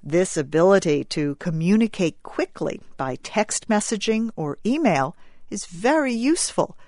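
Slow, clear female news narrator. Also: mid-range voice, lively intonation, darkish tone, dry recording, studio quality. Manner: clear, deliberate reading. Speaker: program narrator.

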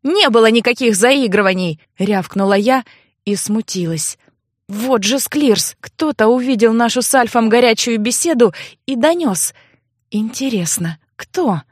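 A woman narrates a first-person fantasy novel with lively, expressive storytelling. Her voice sits fairly high and sounds dry and close, with no room echo. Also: unhurried, slightly rough. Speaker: audiobook narrator.

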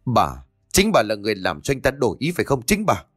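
A man voicing a sharp-tongued young pregnant wife who accuses and scolds. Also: huge pitch swings, fast, dry recording, clean studio sound, faint music behind. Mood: accusing. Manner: shrill, accusing.

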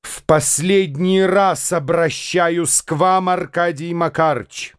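A man's voice: no echo, studio quality. A man voicing a stern, insistent woman who lectures reproachfully in a radio drama reading. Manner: stern, reproachful, raised pitch. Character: stern middle-aged woman, sharp and insistent.

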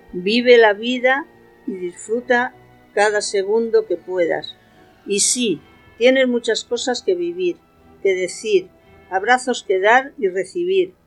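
A woman's voice: mid-range voice, low-quality recording. Woman as solemn Ghost of Christmas Future. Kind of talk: amateur radio play acting.

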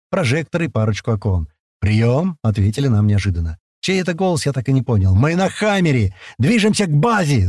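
A man narrating a first-person action story, voicing the characters' shouted lines with rough force. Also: medium pitch, no echo, clean studio sound. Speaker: audiobook narrator.

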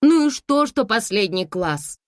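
A woman reading an audiobook voices a grown daughter who pleads rapidly and breathlessly over the phone. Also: a little high, sing-song, dry recording, studio quality, voice pushed up. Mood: pleading, excited.

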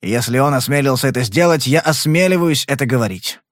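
A cool, persistent private detective who presses every question calmly and bluntly, read by a man. His voice is of middling pitch and sounds close and dry. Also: fairly quick, no room sound, natural voice. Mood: probing. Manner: calm, probing, blunt.

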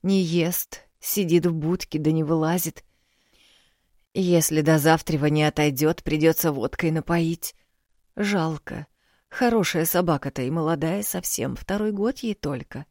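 A woman reader voicing an elderly village landlady, blunt and earthy, scolding loudly in folksy speech. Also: low voice, unhurried, dry recording, studio quality. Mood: chatty.

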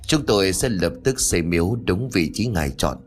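A man's voice: low voice, expressive, brisk. A man voicing a weary, cautious old father who speaks hesitantly and respectfully, in an audiobook. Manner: hesitant, sighing.

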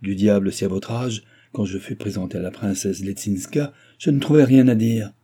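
A man's voice: on the low side, mellow, husky. A man doing a blustering old baron. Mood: insistent. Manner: blustering, hurried urging. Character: elderly proud baron, father, scornful.

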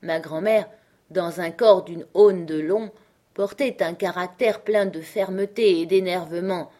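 A woman narrating an audiobook of a classic novel in a measured, expressive way. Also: on the low side.

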